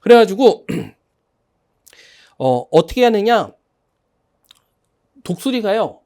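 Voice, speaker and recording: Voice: medium pitch, mellow. A pastor preaching a sermon in a church sanctuary, telling a story in a chatty way and asking the congregation questions and having them repeat phrases after him. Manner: storytelling, conversational with fillers.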